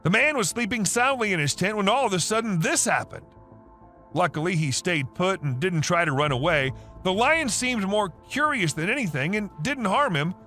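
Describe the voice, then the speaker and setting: Bright, high-pitched man narrating wildlife clips. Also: lively intonation, moderate pace, soft background music. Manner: chatty storytelling with rhetorical asides to the listener. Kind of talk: scripted wildlife video narration.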